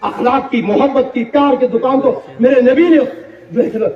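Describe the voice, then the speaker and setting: A man of about sixty, unwell, delivering an impassioned sermon as head of a religious school, his voice rising to shouts. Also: very high voice, moderate pace. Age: 60s. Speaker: madrasa head. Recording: echoey distant lo-fi hall recording.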